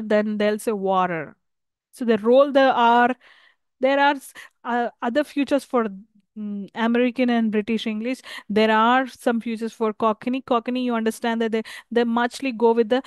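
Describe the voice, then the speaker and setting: A woman lecturer with an Indian accent whose first language is Telugu, explaining slowly, often pausing to check with "okay" and correcting herself. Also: a little high, clear, resonant tone, dry recording. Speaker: English lecturer. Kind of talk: recorded university lecture.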